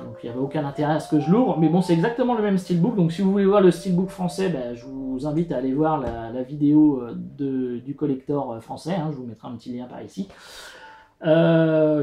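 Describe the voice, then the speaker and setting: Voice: mid-range voice, mellow. Chatty unboxing host in an echoey room. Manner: chatty and hesitant, many fillers and restarts, narrates each step while handling the box. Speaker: YouTube channel host. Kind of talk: casual unboxing vlog. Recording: echoey room with faint music.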